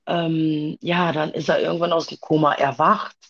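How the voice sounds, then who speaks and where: A woman talking haltingly about her own past in a personal conversation, with many pauses and fillers. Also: deep voice, level tone, dull audio.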